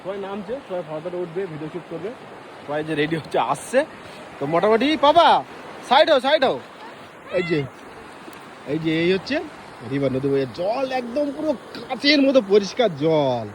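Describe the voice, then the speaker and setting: A man with a high-pitched voice narrates a casual travel vlog outdoors beside a river. He talks in a chatty, excited way straight to his viewers. Faint noise from outside sits behind him. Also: moderate pace, pauses often. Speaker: travel vlogger.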